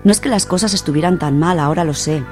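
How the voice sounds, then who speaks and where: Speaking quickly over music, a woman with a Spanish accent hosts a literary radio segment, talking and reading a first-person short story. Her voice runs on the low side.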